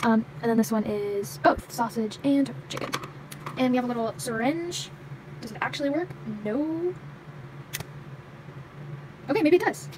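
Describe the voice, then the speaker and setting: Filming on a handheld phone while staying off screen, a young woman unboxes a toy vet clinic playset in a casual show-and-tell. Her voice is on the high side at normal speed, with frequent pauses, fillers like "like" and "um," and noticeable background noise.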